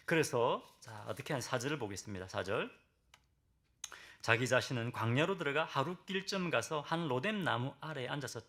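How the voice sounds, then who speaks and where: Animated Korean pastor preaching. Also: male voice. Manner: dramatic, acts out Bible figures' pleas with sudden loud high bursts; asks the congregation direct questions. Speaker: senior pastor. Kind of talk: sermon. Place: church sanctuary.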